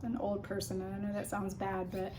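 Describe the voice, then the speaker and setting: A woman's voice: mid-range voice, monotone, brisk. A woman vlogger chatting casually and informally as she explains practical tips. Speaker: vlogger giving a personal recovery update. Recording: clear background noise.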